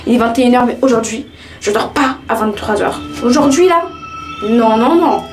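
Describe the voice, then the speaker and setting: A young woman from France, eighteen, talks straight to her viewers from her home in a bright, slightly high voice. She is animated, teasing and quick to mock herself. Music plays clearly underneath. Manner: animated, teasing, self-mocking. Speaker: vlogger. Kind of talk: casual vlog chat to camera. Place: home, indoors. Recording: music playing clearly behind.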